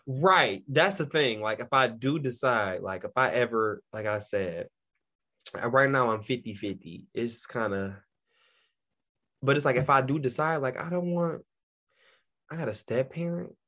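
A man co-hosting a podcast in casual chat, telling stories in an animated, slangy way. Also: mid-range voice, a little slow. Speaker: podcast co-host.

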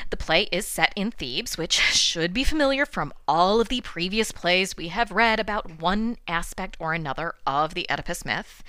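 Bright-voiced woman hosting a classics podcast. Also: lowish voice, no echo. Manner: wry, dry asides. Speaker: podcast host teaching classics. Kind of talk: scripted podcast lecture.

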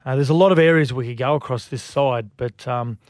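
An Australian man giving opinionated sports talk as a rugby league pundit, thinking aloud in a halting way. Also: mid-range voice, a little mellow, no room sound, clean studio sound.

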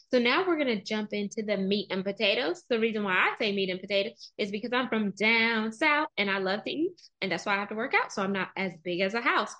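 A woman, hosting a podcast interview in an energetic, playful way. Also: a little high. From Texas, US. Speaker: podcast host.

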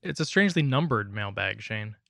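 A man's voice: fairly low pitch, expressive, fairly quick, creaky, fairly bright tone, dry recording, studio quality. A man, co-hosting a gaming podcast with casual, conversational talk. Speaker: podcast co-host.

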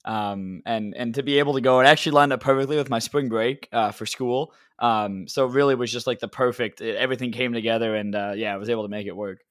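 A man's voice: medium pitch, fairly even intonation, quick pace, hardly any pauses, dry recording, clean studio sound. A young man chatting casually as a podcast guest, very informal, with lots of "like" and "you know". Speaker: podcast guest, soccer supporter. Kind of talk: casual chat.

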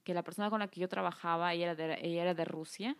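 A woman's voice: lowish voice, racing, smooth. Guest: young woman from Guatemala, casual storyteller who acts out dialogue. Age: young adult. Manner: animated, acts out quoted dialogue. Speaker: podcast guest.

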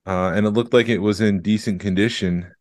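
A man's voice: lowish voice, steady tone, a little fast, no echo, clean studio sound. A man co-hosting a podcast, chatting casually and telling a rambling story. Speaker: podcast co-host. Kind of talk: casual chat.

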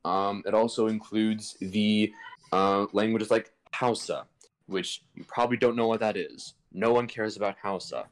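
A man's voice: fairly low pitch, moderate pace, low-quality recording. A man guest on a chat podcast, explaining language history in a casual, irreverent, slangy way over a video call.

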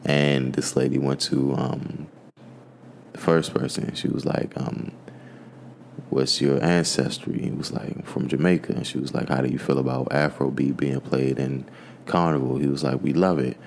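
A man from the United States in casual conversation, telling stories in a relaxed way with many fillers. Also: very deep voice, moderate pace, gravelly, a little hiss or hum.

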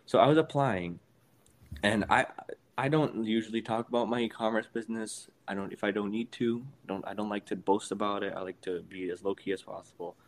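A teenage man talking as a podcast guest in casual, opinionated chat, animated and often restarting his sentences. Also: lowish voice, a little fast. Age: teens.

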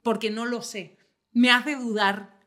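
A young woman with a bright, forward voice that sits a little high. She hosts a casual chat and tells her stories with lively drama, even acting out her own panic. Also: takes it slowly. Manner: animated storyteller, acts out her own panic. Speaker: podcast host.

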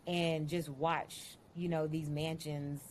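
A woman's voice: low voice, flat delivery, slow pace, a little hiss or hum. A woman from Dallas, a podcast guest speaking candidly and outspokenly in casual conversation. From Dallas, Texas.

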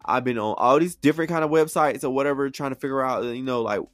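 A man's voice: mid-range voice, fast, no room sound, clean studio sound. A man co-hosting a casual chat, talking in emphatic, slangy drag-scene phrases. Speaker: podcast co-host.

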